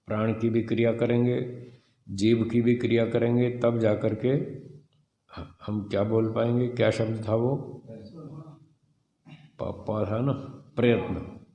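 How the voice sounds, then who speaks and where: A man teaching a scripture class, reading a passage and explaining it slowly, sounding out letters one by one. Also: lowish voice, fairly even intonation, dark tone, echoey room, long reverb tail. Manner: slow, deliberate, spells out sounds and letters. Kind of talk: explanatory lesson reading and commenting on a text.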